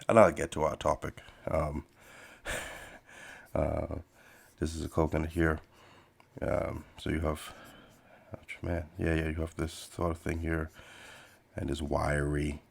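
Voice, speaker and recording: A man from the Bahamas with a very deep, gravelly voice hosts a podcast, chatting casually and rambling as he draws. He is a podcast host and artist, and his delivery is laid-back and meandering, with many fillers and restarts.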